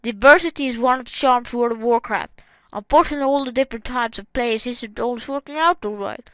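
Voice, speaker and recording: A woman's voice: a little high, fast talker, clean tone, no room sound, rough recording. A woman hosting a gaming channel, reading forum comments aloud and adding casual, wry, sarcastic asides.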